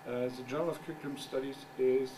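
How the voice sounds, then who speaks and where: A middle-aged man whose first language is German, a journal editor, gives a conference presentation, halting as he searches for English words. His pitch is ordinary and mid-range. He's recorded from a distance in a conference room, with steady background noise.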